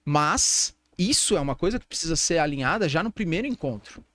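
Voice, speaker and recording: A Brazilian man hosts a podcast, speaking at a rapid clip in a notably high voice. His tone is earnest and informal as he gives advice. The recording sounds close and dry. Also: expressive, a bit bright, dry recording. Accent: Brazilian Portuguese. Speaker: podcast host. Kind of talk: casual podcast conversation. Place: podcast studio.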